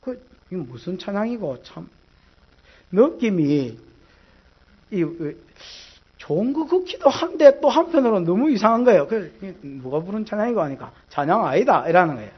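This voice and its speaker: Lively pastor with Gyeongsang accent. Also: male voice, high voice, moderate pace, slightly rough, highs cut off. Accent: Gyeongsang Korean. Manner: earthy storytelling, dialect, acts out quotes loudly. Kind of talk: sermon with personal stories.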